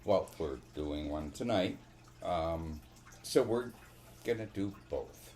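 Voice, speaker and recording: A man co-hosting a casual podcast chat, rambling and halting, swearing now and then. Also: low-pitched, lively intonation, a little mellow. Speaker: podcast co-host.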